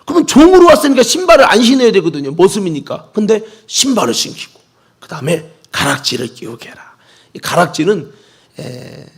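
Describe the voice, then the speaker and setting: A male pastor preaching a sermon, telling a story with lively asides. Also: sits high, vocal fry, breathy edge. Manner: storytelling, animated, with many asides.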